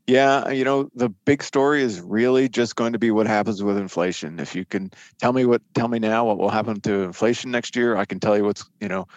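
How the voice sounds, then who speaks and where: Low-pitched man, halting markets expert. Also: steady tone, dry recording, lo-fi sound. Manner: halting, repeats and restarts words mid-thought. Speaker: financial markets editor, interview guest. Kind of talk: conversational expert analysis.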